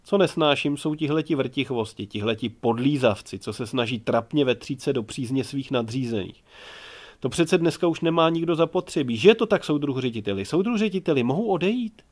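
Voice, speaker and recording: A man playing a pompous male engineer who lectures with loud contempt, then fawns on his boss. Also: mid-range voice, animated, few pauses, close to an everyday voice. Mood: scornful. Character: pompous scornful male engineer, middle-aged.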